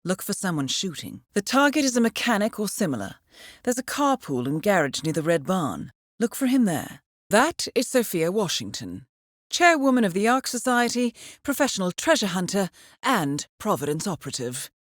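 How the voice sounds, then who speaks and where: A woman voices a poised intelligence handler in a video game, giving an assassin a cool, businesslike briefing that's formal with dry wit. Her mid-range voice swings widely in pitch at a moderate pace, and there's no room sound.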